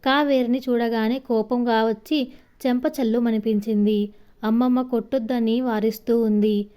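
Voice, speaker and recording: A woman narrates a heartfelt first-person story in a steady scripted reading. Her voice sits a little high but stays warm and mellow. She gives the quoted dialogue only light voicing. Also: clean tone.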